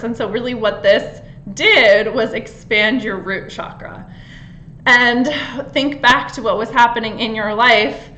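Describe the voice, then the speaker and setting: A woman's voice: on the high side, fairly bright tone, echoey room, slight background noise, rough recording. A woman spiritual coach giving a casual astrology talk, chatty and full of fillers, with the odd giggle.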